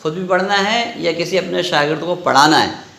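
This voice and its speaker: A man's voice: a little high, gravelly, roomy sound, heavy background noise. A man teaching a Quran recitation lesson, quizzing students with repeated questions and drawing out letter sounds. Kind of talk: call-and-response tajweed lesson.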